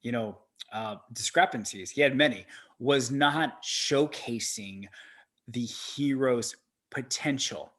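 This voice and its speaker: A man chatting as a podcast co-host, reacting to a film with excited, profanity-laced energy. His voice sits at an ordinary middle pitch, and his talk is loose and conversational. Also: slow. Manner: excitable, swears freely. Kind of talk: casual movie-reaction chat.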